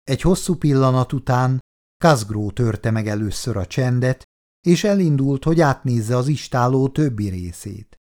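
Brief: male audiobook narrator, measured, dramatic delivery. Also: mid-range voice, animated, a little mellow.

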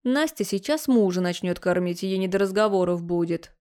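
A woman reading as a calm, firm father. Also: medium pitch, normal speed, close to an everyday voice. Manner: calm, decisive.

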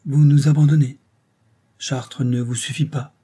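Sharp-tongued older townswoman, shrill and scornful, husky underneath; a male reader doing her. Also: moderate pace, close to an everyday voice. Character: peevish middle-aged provincial woman, sharp-tongued.

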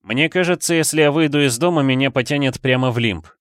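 A man's voice: mid-range voice, fast, smooth, no echo, studio quality, voice pushed up, lightly acted. A man doing a guilt-ridden, raging young man. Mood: miserable. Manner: tense, shouting outbursts. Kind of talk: audiobook character voice.

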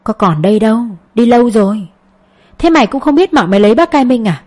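A woman reading an audiobook, voicing a blunt, loud older village woman who teases with rapid questions. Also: on the high side, animated. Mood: teasing.

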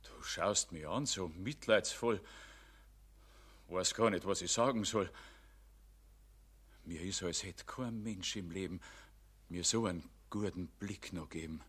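Actor as anxious Bavarian Everyman, deep, forceful. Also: unhurried, pauses often, breathy edge, full character voice. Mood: softening distress. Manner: agitated, defensive, emphatic. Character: proud rich man, Everyman, anxious and doomed. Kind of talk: verse morality play in dialect.

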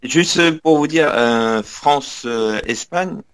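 A man's voice: on the high side, slow, a bit bright, no echo. A male podcast co-host chatting casually, often repeating his short remarks and adding little tags. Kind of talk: casual chat.

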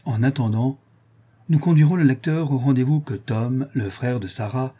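Narrateur au timbre sombre et voilé. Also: male voice, mid-range voice, husky. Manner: measured, steady storytelling. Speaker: audiobook narrator. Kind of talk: audiobook narration of a classic novel.

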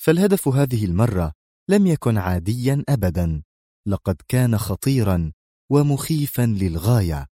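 A man narrating a thriller audiobook in a dramatic, expressive storytelling style. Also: on the low side, moderate pace, no echo, clean studio sound.

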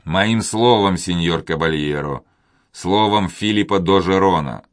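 A man's voice: deep voice, unhurried. A man voicing a determined young nobleman who speaks firmly and earnestly.

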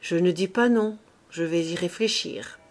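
Woman voicing an embarrassed gentleman, polite and evasive. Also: lowish voice, measured pace, close to an everyday voice. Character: awkward, evasive gentleman father.

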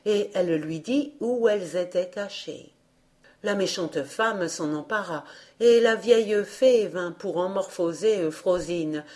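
A woman narrates an old fairy tale for an audiobook. Her delivery is very unhurried and measured, and her voice sits a little low. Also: darkish tone. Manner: slow, measured reading. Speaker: audiobook reader.

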